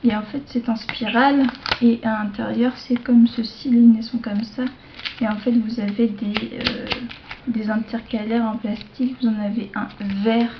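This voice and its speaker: A woman showing off a shopping haul to her viewers in a casual show-and-tell, hesitant, with many fillers and self-corrections, slipping into soft asides. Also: fairly high pitch, little pitch movement, noisy background. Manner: slow, chatty, drops into soft asides. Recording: dull lo-fi home video sound.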